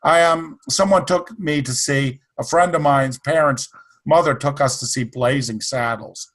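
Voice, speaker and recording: A man's voice: on the high side, unhurried, a bit bright. A man talking casually about an old comedy film, rambling and correcting himself as he goes. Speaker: podcast co-host.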